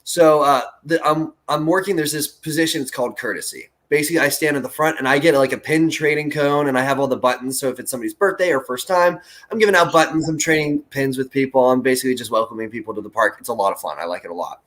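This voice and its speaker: A man's voice: medium pitch, quick pace, few pauses. A man who works at a theme park, chatting on a video call, telling stories with lots of laughing and swearing. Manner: laughing, swearing, animated storyteller. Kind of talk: casual video-call chat.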